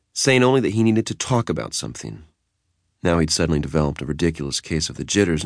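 A male audiobook narrator with a very low, deep voice and a measured, steady read. The recording is close and dry, with no room echo. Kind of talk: scripted narration.

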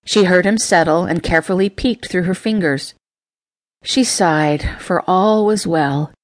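A woman narrates a fanciful romance in a gentle, measured way. Her voice sits a little low, and the sound is dry and close, with no room around it. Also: no room sound. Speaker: audiobook narrator. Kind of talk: scripted narration.

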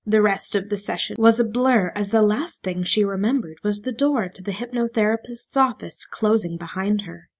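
A woman narrating an audiobook in an even, measured storytelling voice. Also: mid-range voice, slightly rough. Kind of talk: scripted narration.

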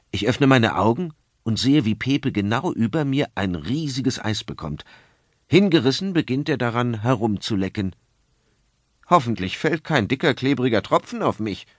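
A man narrating a children's audiobook in the first person, with expressive storytelling. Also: on the low side, dry recording, studio quality.

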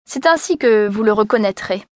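A woman voicing a caring old mother goat who gently warns her children, in a storybook reading. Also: mid-range voice, animated, normal speed, no room sound, clean studio sound, natural voice. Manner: gentle warning.

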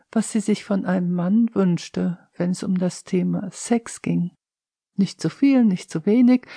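A woman narrating her own novel in a measured, unhurried audiobook reading. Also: mid-range voice, vocal fry, warm tone, no echo, studio quality.

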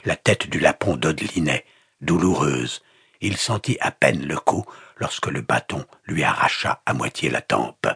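Deep, gravelly male audiobook narrator. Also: animated, a bit bright, no room sound, studio quality. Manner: measured, grave storytelling. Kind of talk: scripted narration. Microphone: close studio mic.

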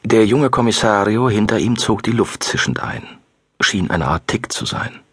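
A man reading a thriller audiobook as narrator, in a measured, steady storytelling way. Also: on the low side, slightly rough, no echo, studio quality. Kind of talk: scripted narration.

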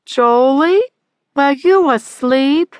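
A woman voicing a loud, nagging middle-aged mother who shouts her questions. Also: sits high, very slow, no echo, clean studio sound, voice pushed up. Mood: scolding. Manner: shouting, hollering.

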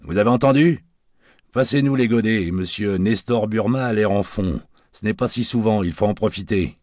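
A man's voice: on the low side, moderate pace, a little mellow, dry recording, clean studio sound, voice pushed up, lightly acted. A man voicing a wisecracking middle-aged male barman with slangy, bantering talk. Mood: jovial banter.

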